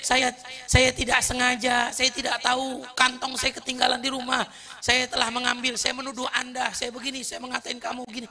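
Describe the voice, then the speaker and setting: A preacher doing a shrill, hot-headed accuser. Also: male voice, completely flat delivery, brisk, over music. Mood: pleading. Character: hot-headed grown man, quick to accuse.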